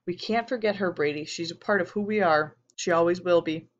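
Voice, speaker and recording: Gentle grieving mother, small soft voice, woman reading, low-pitched, lo-fi audiobook. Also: a little fast, close to an everyday voice. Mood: sorrowful. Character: tearful, gentle middle-aged mother.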